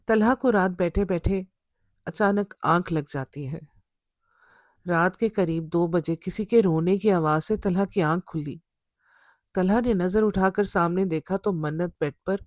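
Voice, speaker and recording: Brief: female storyteller, measured horror narration, low mellow tone, dry. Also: dry recording.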